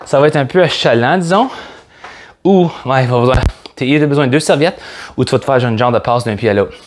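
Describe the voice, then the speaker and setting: A man's voice: medium pitch, fairly quick. A man with a Québécois French accent, leading a workout as a fitness coach, upbeat and joking as he counts reps aloud. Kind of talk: guided workout instruction.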